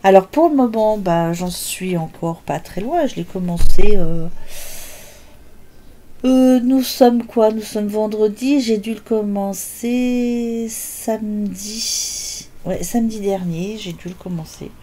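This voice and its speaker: A woman's voice: medium pitch, slow, dark tone, a little hiss or hum. An older woman hosting a knitting podcast, chatting casually and hesitantly with lots of filler sounds as she shows her work. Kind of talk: casual show-and-tell chat.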